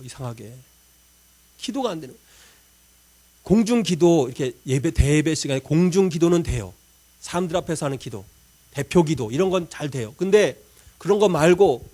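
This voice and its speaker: A pastor with a high voice for a man preaches from the pulpit. He tells a personal story with plenty of feeling and acts out his own prayers. He swings from loud, urgent pleading down to near-whispered murmurs. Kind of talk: sermon.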